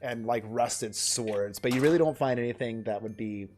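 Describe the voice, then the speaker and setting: A man's voice: medium pitch, moderate pace, darkish tone, faint music behind. A man narrating a tabletop game as game master on a stream, describing scenes in a loose, rambling way with many fillers.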